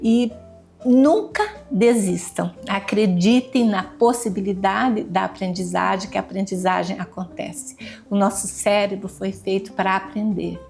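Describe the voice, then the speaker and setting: A woman's voice: mid-range voice, unhurried, gravelly, a little mellow, faint music behind. A woman educator, a guest in an interview, explaining her method in a patient, teacherly way and repeating examples.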